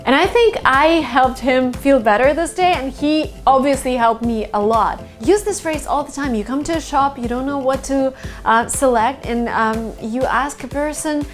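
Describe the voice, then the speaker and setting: A woman's voice: sits high, moderate pace, faint music behind. A woman in her late twenties from Russia, a native Russian speaker, giving a chatty English lesson to camera with many fillers and little stories. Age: 20s. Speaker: English teacher.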